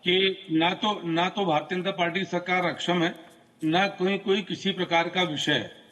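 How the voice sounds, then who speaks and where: A man's voice: sits high, steady tone, moderate pace, a bit bright, in a large hall. A man from central India speaking as a party spokesperson in a heated TV debate, emphatic and defensive, repeating his phrases.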